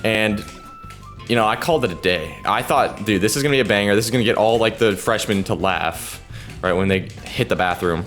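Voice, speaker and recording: A man's voice: fairly low pitch, a little fast, a bit bright, soft background music. A teenage boy rambling through a story while playing a video game, breaking off to trash-talk opponents. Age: teens. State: keeping voice down so his sleeping father won't hear. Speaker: gaming video creator.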